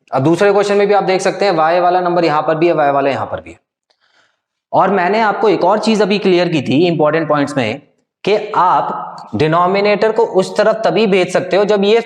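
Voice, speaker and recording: A man teaching a live online math class, explaining step by step and often checking if students follow. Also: high voice.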